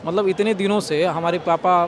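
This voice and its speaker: A man's voice: high-pitched, steady tone, normal speed. A man who lives in the area, answering a reporter's questions outdoors and explaining his view at length. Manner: articulate, explaining at length, occasional self-corrections. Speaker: local resident interviewed. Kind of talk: street interview. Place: outdoors in a crowd. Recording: loud crowd noise outdoors. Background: crowd chatter.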